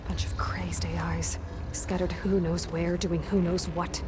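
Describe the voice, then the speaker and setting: An actress playing a defiant, sarcastic young hunter confronting a rogue machine. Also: female voice, lowish voice, little pitch movement, unhurried, background noise, natural voice. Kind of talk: video game cutscene dialogue. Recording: game audio with loud music behind.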